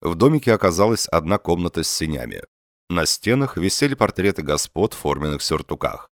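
A man narrating satirical prose in an audiobook reading with a wry, expressive delivery. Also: deep voice, brisk, no room sound, studio quality.

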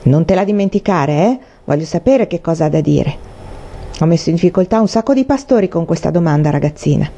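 A woman reading the part of a blunt, provocative man who booms and teases in an audiobook. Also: animated, brisk, mellow. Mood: gruff banter. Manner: booming, teasing, blunt. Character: blunt loud provocative middle-aged man. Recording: dull lo-fi recording.

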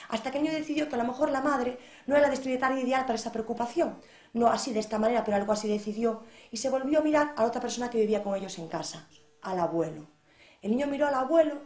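Woman Galicia, storyteller, quick-talking, fairly high voice, lively, echoey room. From Galicia, Spain. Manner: lively, expressive narration. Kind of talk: oral storytelling.

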